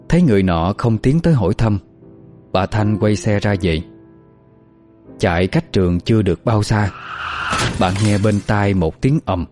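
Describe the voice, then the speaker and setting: A male storyteller reading a scripted horror tale in a steady, measured way. His voice sits low and mellow, with quiet music running underneath. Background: faint music.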